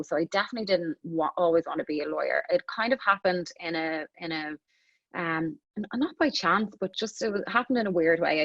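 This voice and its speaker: A woman's voice: lowish voice, a bit bright, no room sound, dull audio. A woman in her thirties with an Irish accent, talking as an interview guest in a chatty way with many restarts. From Ireland. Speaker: guest, immigration attorney. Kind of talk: conversational interview.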